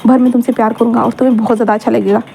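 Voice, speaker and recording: A woman voicing a calm young male lover in a storytelling video, speaking in a soothing, coaxing way. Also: on the high side, racing, vocal fry, a little hiss or hum. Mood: tender.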